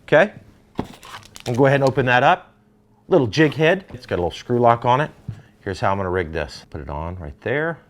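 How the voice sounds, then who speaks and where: A middle-aged man, hosting a fishing gear demo in an energetic, salesy way. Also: mid-range voice, brisk, pauses often. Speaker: fishing show host. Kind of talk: product demo talk.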